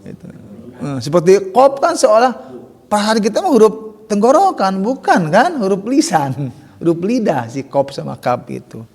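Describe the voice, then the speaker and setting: A man's voice: sits high, very animated, normal speed, creaky, darkish tone. A man teaching Quran recitation, drilling letter sounds in chanted syllables. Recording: long hall reverb.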